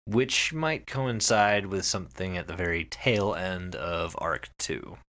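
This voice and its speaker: A podcast host with a low, slightly bright voice tells a story at a little slow pace, chatting casually and emphatically with plenty of swearing and repeating phrases for effect.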